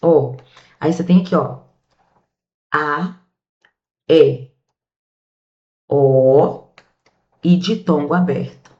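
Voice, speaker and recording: A Brazilian woman teaching a grammar lesson in a chatty, lively way, drawing out the words she stresses. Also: low-pitched, extremely slow, pauses often. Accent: Brazilian Portuguese. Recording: muffled, echoey room.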